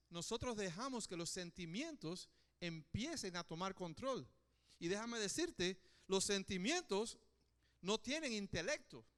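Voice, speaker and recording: High-pitched, bright-voiced male preacher. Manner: animated, asks the congregation questions often. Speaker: pastor. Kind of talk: sermon.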